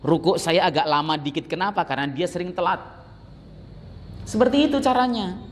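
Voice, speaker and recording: A man's voice: high-pitched, expressive, a little fast, big-room sound. A middle-aged man giving a conversational Islamic study lecture in a mosque, with teasing asides. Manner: conversational, teasing asides, chants verses in demonstration. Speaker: Islamic teacher.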